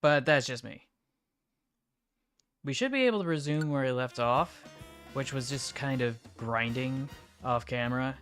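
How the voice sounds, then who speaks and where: A woman's voice: very deep voice, measured pace, pauses often. A woman casually chatting while she streams a video game, playful and a bit silly. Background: faint background game music.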